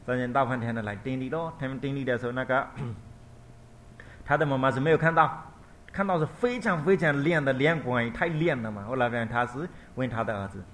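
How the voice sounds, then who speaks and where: A male monk gives a Buddhist dharma talk at a middle pitch, retelling a story in plain, repetitive explanations. He hesitates while searching for words and drops his voice softly at the ends of points. Faint noise hums behind him. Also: fairly quick.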